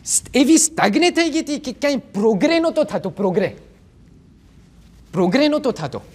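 A seventeen-year-old majlis preacher gives a religious sermon to a gathering in a very high-pitched, fairly quick voice. He tells the story with animated delivery and poses rhetorical questions.

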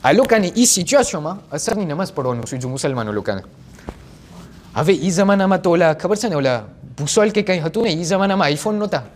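A teenage boy preaching a sermon to a gathering, his voice swooping up and down as he tells the story. He asks his listeners question after question in an animated, storytelling manner. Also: sits high, a little fast, a little hiss or hum. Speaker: majlis preacher.

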